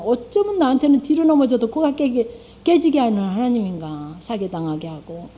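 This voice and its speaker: A woman's voice: fairly high pitch, mellow. A middle-aged woman, a lay church speaker, giving a conversational testimony, asking her listeners rhetorical questions and acting out her own prayers aloud. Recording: dull lo-fi recording.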